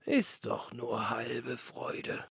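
A man's voice: medium pitch, lively intonation, very slow, vocal fry, a bit bright, husky, no room sound, exaggerated voice. A man voicing an old, anxious street lantern in a storybook reading, with a plaintive manner and a dry sound. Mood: wistful.

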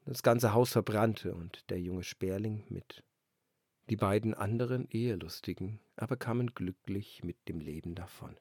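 A man reading a fairy tale aloud in a calm, expressive storytelling manner on a close mic. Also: fairly low pitch, normal speed, no room sound. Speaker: narrator.

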